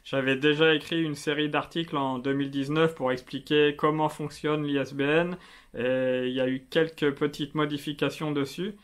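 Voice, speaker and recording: A man with a slightly high voice hosts a casual explainer on self-publishing. He talks in a chatty, familiar way, tutoring the viewer directly. His speech is full of little fillers. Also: little pitch movement, normal speed, clear, resonant tone. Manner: chatty, familiar, many fillers like euh and bah. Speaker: self-publishing video host.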